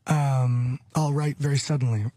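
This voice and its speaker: A man's voice: medium pitch, fairly even intonation, moderate pace, warm tone, no room sound. A man in his thirties from Hollywood, California, chatting as a radio show guest, rambling and repeating phrases with frequent chuckles. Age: 30s. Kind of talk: casual radio chat.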